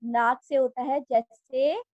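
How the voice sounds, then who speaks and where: Woman teacher, high and unhurried, patiently drilling words for young pupils. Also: fairly even intonation, a little mellow, no room sound, lo-fi sound. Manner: patient, repeats words slowly, asks children to repeat. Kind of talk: Hindi grammar lesson for children.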